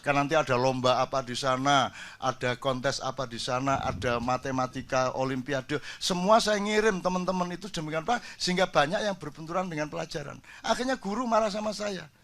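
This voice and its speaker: A man's voice: a little high, fairly even intonation, brisk, fairly bright tone. An older man, telling jokey stories in a casual sermon to a gathering. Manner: jokey storytelling, switches into Javanese. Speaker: preacher.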